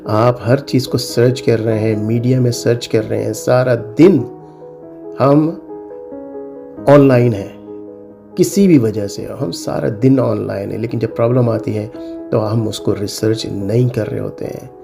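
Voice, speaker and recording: Speaking a little slowly in a creaky, medium-pitched voice, a middle-aged man with a Pakistani accent offers viewers informal advice as music plays behind him. He's a cyber security consultant and video host who emphatically repeats his warnings and mixes in English phrases.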